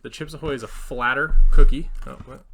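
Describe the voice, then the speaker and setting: Brief: male co-host, bright, crisp tone, casual and hesitant, home kitchen. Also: medium pitch, steady tone, slight background noise. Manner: halting, with many pauses and fillers. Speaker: co-host of a food review channel. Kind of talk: casual taste-test chat.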